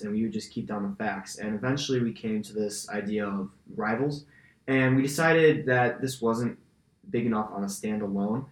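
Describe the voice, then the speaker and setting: A teenage man with an American accent giving casual interview answers as a student podcaster. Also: mid-range voice. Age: teens. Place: indoor school podcast studio. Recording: roomy, reverberant room sound.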